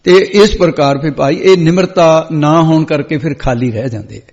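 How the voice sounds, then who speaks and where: Male Sikh preacher, story-driven katha with slow chanted verses; lo-fi recording with hall echo. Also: fairly high pitch, darkish tone. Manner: chants scripture lines slowly, then explains them in speech. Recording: echoey hall, dull lo-fi sound.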